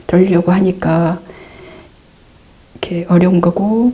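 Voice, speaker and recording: A middle-aged woman, a Buddhist nun, patiently answering meditation questions, calm and repetitive, sometimes dropping into soft asides. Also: on the low side. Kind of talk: dharma Q&A teaching.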